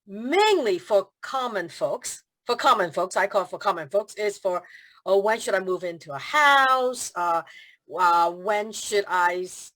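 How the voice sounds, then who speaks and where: Talking a little slowly at a medium pitch, a Hong Kong feng shui consultant shares stories as a guest in a laid-back video-call interview. She performs animated quoted voices and laughs frequently.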